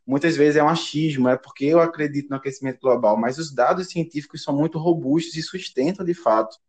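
A man's voice: on the high side, quick pace, darkish tone. A man with a Brazilian Portuguese accent, a teacher hosting an educational podcast, explaining in a teacherly way and often ending with tag questions.

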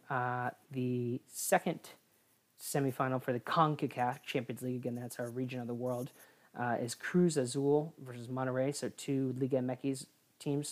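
A woman with a remarkably low, deep voice co-hosts a casual sports podcast. She rambles through the news roundup, pausing often on fillers and correcting herself as she goes. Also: darkish tone. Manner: rambling with frequent filler pauses and self-corrections. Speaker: podcast co-host.

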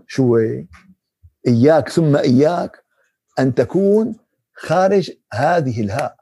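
A man with a Levantine Arabic accent, a sheikh giving an animated Quran commentary sermon, who keeps asking his listeners questions and recites verses slowly. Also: a little high, husky. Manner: animated, rhetorical questions to the audience.

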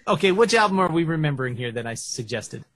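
A man co-hosting a casual music review show, talking in an animated, joking way into a headset mic. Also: a little high, fast. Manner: animated, joking, breaks into song snippets and shouts. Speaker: podcast co-host reviewing music. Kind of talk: casual chat.

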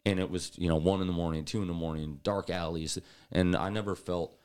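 Very deep-voiced man telling stories. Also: a little fast, smooth. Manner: animated storyteller, laughs often. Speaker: podcast co-host. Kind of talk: casual chat.

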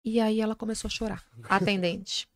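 A middle-aged woman, a psychologist guest on a podcast, telling an anecdote in a lively, casual way. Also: mid-range voice, brisk, no echo, clean studio sound. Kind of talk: casual storytelling in a podcast interview.

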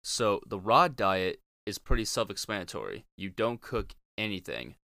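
Male podcaster, lowish smooth voice, informal and blunt, opinionated solo talk, dry closet sound. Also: big pitch swings, moderate pace, sharp tone, dry recording. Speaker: podcast host. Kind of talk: casual opinionated podcast monologue. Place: small closet in a home bedroom.

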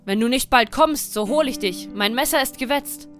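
A woman's voice: a little high, moderate pace, a bit bright, faint music behind, lightly acted. A woman voicing a stern, murderous nobleman who gives cold, threatening commands in a fairy tale reading. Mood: menacing. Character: stern, menacing nobleman Bluebeard, murderous husband.

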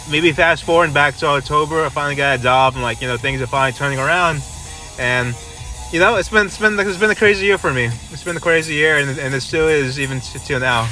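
A man's voice: medium pitch, bright, forceful tone. A man in his twenties co-hosting a podcast in casual chat, rambling with lots of fillers and restarts. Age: 20s. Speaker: podcast co-host.

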